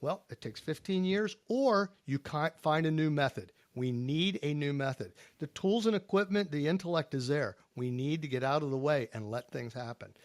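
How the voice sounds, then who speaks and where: A man's voice: on the high side, moderate pace, hardly any pauses, no echo, studio quality. A man on a panel podcast, talking in an emphatic, folksy way and posing rhetorical questions to his co-hosts. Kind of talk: casual panel discussion.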